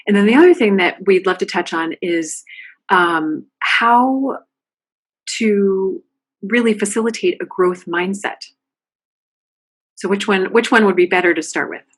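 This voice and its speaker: A woman's voice: medium pitch, unhurried, husky. A woman moderating an online Q&A session over a video call, asking questions in a friendly, inviting way. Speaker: host.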